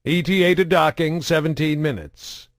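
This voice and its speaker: A man's voice: fairly high pitch, normal speed, no echo, studio quality, pitched above the performer's own voice, natural voice. A man voicing a male starship helmsman who reports over the intercom in a clipped, matter-of-fact way. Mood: businesslike.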